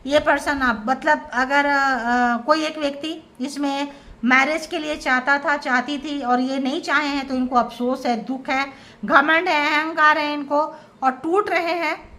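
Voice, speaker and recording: A woman's voice: high-pitched, sharp tone. A woman giving a tarot reading to her viewers. She talks with emphasis and lists feelings in short repeated phrases. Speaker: tarot reader.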